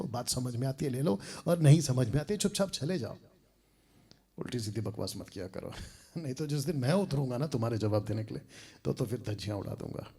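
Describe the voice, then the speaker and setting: Husky, animated, mocking male preacher. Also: mid-range voice. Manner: scornful, mocking, laughs between points. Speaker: pastor and Bible teacher. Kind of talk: combative preaching message.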